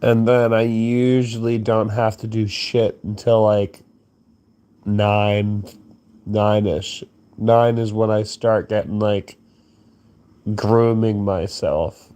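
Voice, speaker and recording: A man's voice: lowish voice, little pitch movement, takes it slowly, mellow, clean tone. A sleepy young man rambling crudely through a late-night monologue, yawning and meandering. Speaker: streamer.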